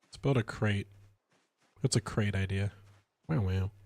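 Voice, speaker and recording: A man chatting casually while streaming a game, stuffy from a cold, rambling with lively swings in pitch. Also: unhurried, dry recording. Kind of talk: casual gameplay commentary.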